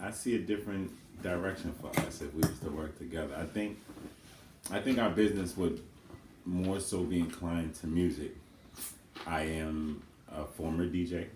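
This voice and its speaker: A man co-hosting a casual question-and-answer video with his twin, speaking earnestly and with emphasis. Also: sits low. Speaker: co-host twin. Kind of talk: casual Q&A chat. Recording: echoey room with faint noise.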